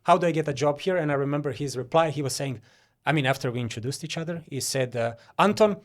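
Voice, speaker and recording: A man's voice: fairly high pitch, fast talker. A Croatian-born man talking casually as an interview guest, with many fillers and restarts.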